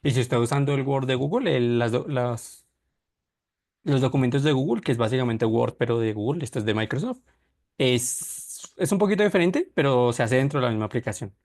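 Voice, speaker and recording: A man's voice: mid-range voice, fairly quick, darkish tone. A man teaching an online class, explaining step by step with many restarts and self-corrections.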